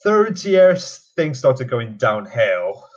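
Taking it slowly in a sing-song, mid-range voice, a Canadian man in his twenties with a blended Canadian and British accent is interviewed casually. He's hesitant and uses many fillers, and the audio is dull lo-fi.

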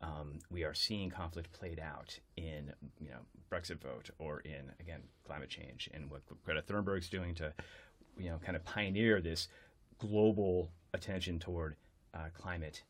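Deep-voiced earnest male interviewer. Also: normal speed. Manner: earnest, searching, repeats words while thinking. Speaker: podcast host. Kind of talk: conversational interview.

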